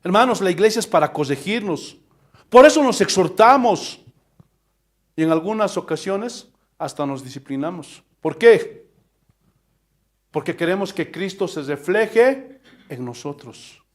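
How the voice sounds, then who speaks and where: A man's voice: high voice, animated, unhurried, long pauses. A man, a pastor delivering an impassioned sermon full of rhetorical questions. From Bolivia.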